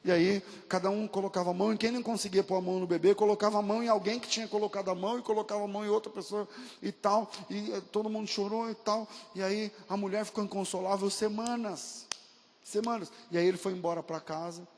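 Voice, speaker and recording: A man's voice: high-pitched, fairly even intonation, quick pace, darkish tone, big-room sound. A male pastor telling a story in a sermon, acting out the dialogue with rising emotion.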